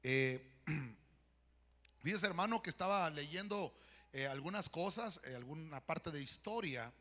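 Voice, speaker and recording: A man's voice: fairly high pitch, lively intonation, slow pace, sharp tone. A male pastor with a Honduran accent preaching a sermon and praying aloud, often calling his listeners "hermano" and asking "¿verdad?" between thoughts. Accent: Honduran Spanish. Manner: addresses congregation as "hermano", frequent "¿verdad?" and "eh" fillers. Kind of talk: sermon with spoken prayer. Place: church sanctuary. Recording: long church hall reverb.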